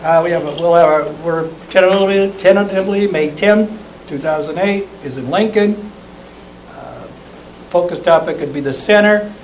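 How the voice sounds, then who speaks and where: High-voiced man reading an agenda. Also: normal speed, a little hiss or hum, low-quality recording. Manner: plain, steady reading with small asides. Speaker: board member. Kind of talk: reading a meeting agenda aloud.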